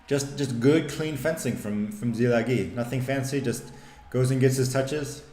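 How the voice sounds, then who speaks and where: A man's voice: medium pitch, moderate pace, mellow, slight background noise. Laid-back man commentating fencing. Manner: laid-back, repeats words as he thinks. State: tired. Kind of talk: casual sports commentary. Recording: roomy echo.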